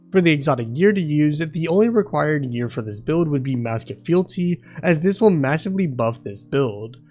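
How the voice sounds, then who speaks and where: A man reading a scripted voice-over walkthrough in a steady, explanatory way. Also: fairly high pitch. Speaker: video game guide creator.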